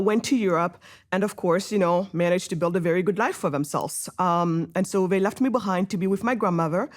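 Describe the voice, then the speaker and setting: Blunt woman from Senegal. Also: mid-range voice. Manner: blunt, direct, animated when arguing. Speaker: interview guest. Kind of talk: storytelling in an interview.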